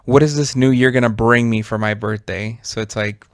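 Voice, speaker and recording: A man in his thirties chats as a podcast co-host. His voice sits at an ordinary middle pitch and the sound is dry and close. He rambles thoughtfully and leans on fillers as he talks. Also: steady tone, moderate pace, no echo. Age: 30s. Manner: reflective, rambling with many fillers. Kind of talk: casual chat.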